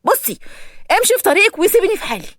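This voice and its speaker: A woman voicing a sharp-tongued young woman on the run who speaks mockingly and impatiently. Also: very high-pitched, very animated, very fast, dry recording, clean studio sound, pitched above the performer's own voice. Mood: scornful.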